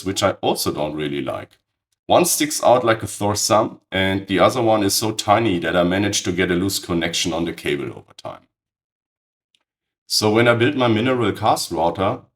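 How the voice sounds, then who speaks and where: A man with a raspy, hoarse voice from a cold, giving a precise, matter-of-fact technical narration as channel host. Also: lowish voice. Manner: precise, matter-of-fact, blunt verdicts on tools.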